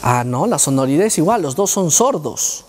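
Lecturing students in a reverberant hall, a male speech therapist quizzes his audience and voices speech sounds as demonstrations. He speaks in a fairly high, sing-song way at a moderate pace.

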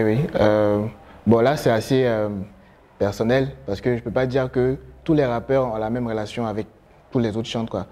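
A young man with an Ivorian French accent, a gospel rapper answering interview questions in a relaxed way, often pausing with fillers. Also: fairly low pitch. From Côte d'Ivoire. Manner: relaxed, gestures a lot while talking, frequent fillers. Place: studio with branded backdrop, seated.

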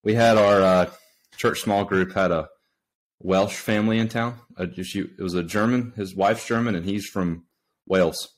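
A man's voice: on the low side, steady tone, normal speed. A man, co-hosting a podcast and telling stories in proud, casual chat. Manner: proud, storytelling. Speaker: podcast co-host.

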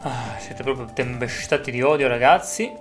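A man giving live commentary over his racing game as a streamer, swinging from low mutters to frustrated yells. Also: moderate pace, faint music behind. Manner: excitable, swings from mutters to yelling. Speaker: gaming streamer.

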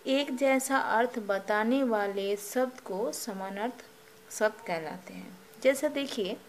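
A woman teaching a kindergarten lesson, explaining slowly and patiently and asking the children questions. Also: a little high, slight background noise.

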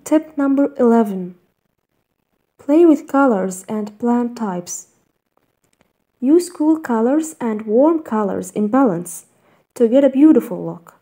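A woman reading a scripted voice-over in a measured, even list-reading way, narrating step-by-step tips. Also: fairly high pitch. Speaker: narrator of a garden design slideshow.

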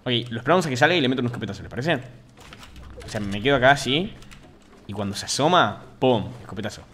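Chatty Argentine gaming streamer. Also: male voice, medium pitch, fast, slight background noise. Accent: Argentine Spanish. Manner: chatty, reads viewer messages, bursts into excited yelling. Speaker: game streamer. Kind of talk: casual gaming stream commentary.

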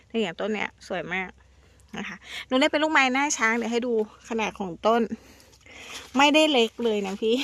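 A woman giving a casual sales pitch to her viewers, chatty and coaxing, sweetly addressing them as elder siblings and repeating words playfully for emphasis. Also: a bit bright. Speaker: plant seller.

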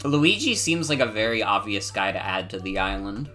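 A game streamer chatting casually and commenting live in an animated, exclamatory way, with some swearing. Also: deep voice, normal speed, soft background music.

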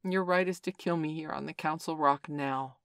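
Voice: mid-range voice, normal speed, a bit bright, smooth, dry recording, studio quality, natural voice. A reader voicing Akela, the old defiant wolf. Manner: formal, challenging, old-fashioned speech. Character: old male wolf pack leader, proud and defiant. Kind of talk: storybook read-aloud.

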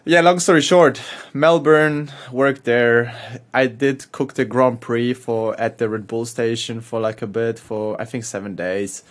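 A man's voice: mid-range voice, steady tone, measured pace. A man from Hamburg speaks, a chef in his thirties recounting his travels on a podcast. He talks in loose, slangy bursts, laughs through his stories, and swears without a second thought. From Hamburg, Germany. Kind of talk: casual storytelling.

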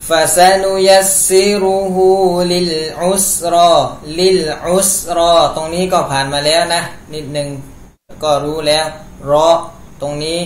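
A man's voice: on the high side, fairly even intonation, a little slow, soft background music. Man teaching Quran recitation. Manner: recites a phrase, then explains pronunciation rules patiently. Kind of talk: step-by-step recitation lesson. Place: room at home. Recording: echoey room with faint noise.

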